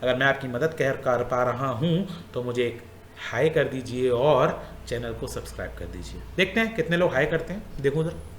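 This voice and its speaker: A man's voice: mid-range voice, expressive, normal speed, a little hiss or hum. Man teaching exam answers in an echoey room. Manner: explains casually, repeats points, asks the class questions. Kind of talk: exam question walkthrough.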